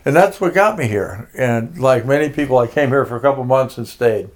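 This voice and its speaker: A man's voice: medium pitch, expressive, brisk. An older man from Connecticut, a music producer being interviewed, telling his life story casually with many fillers and restarts.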